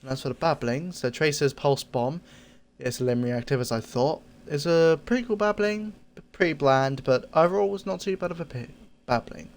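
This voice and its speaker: A man's voice: mid-range voice, vocal fry, slight background noise. A man hosting a casual review of game cosmetics. He talks in an easygoing, repetitive way and often corrects his own slips. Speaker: gaming channel host.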